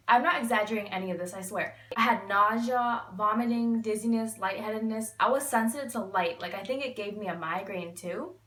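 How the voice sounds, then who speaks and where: A young woman with a fairly high voice talks casually to a camera a little way off in an echoey room. She explains things candidly, with emphatic asides, like a vlogger giving advice. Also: fairly bright tone, slight background noise. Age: 20s. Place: small bedroom, indoors. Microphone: camera a few feet away. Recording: echoey room, distant microphone.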